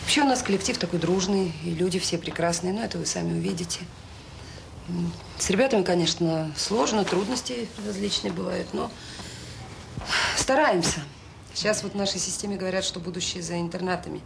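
In a naturalistic radio drama, an actress plays the director of a children's home, warm and determined. Her lowish, gravelly voice sounds friendly and frank, brisk and plain-spoken but with hesitant pauses. The old radio play recording is noisy.

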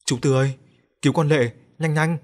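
A man's voice: mid-range voice, normal speed, natural voice. A man voicing a frightened young boy who begs urgently for help. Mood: frantic. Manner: breathless, urgent.

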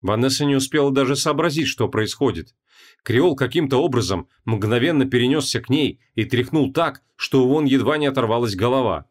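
A man reading a fantasy audiobook with a dramatic, expressive delivery. His pitch sits in a middle range but moves lively and animated through the lines. The narration is scripted and steadily told. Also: brisk.

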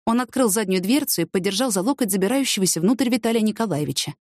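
A woman reading an audiobook in a steady, expressive storytelling manner. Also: medium pitch, fast, no room sound. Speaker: audiobook narrator. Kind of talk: scripted narration. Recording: dry studio reading.

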